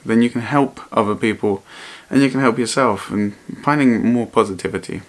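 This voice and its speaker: Low-pitched man, earnest and halting. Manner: earnest, halting, repeats phrases. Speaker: vlogger. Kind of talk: personal vlog to camera, reflective talk.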